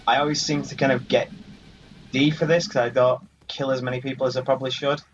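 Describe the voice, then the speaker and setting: Bantering jokily and swearing mildly at the characters, a man provides let's play commentary for his gaming channel. He talks quickly in a mid-range voice with little pitch movement. Slight background noise and video game music sit behind the muffled, lo-fi audio.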